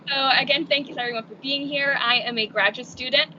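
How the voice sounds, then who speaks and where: A woman's voice: high voice, fairly even intonation, normal speed. A young woman, a graduate student, earnestly giving prepared thanks over a video call while her crackling microphone keeps cutting in and out. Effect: crackling mic audio that cuts in and out. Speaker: graduate student guest speaker. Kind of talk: prepared thank-you remarks. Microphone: remote video call mic. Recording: dull, noisy video call audio.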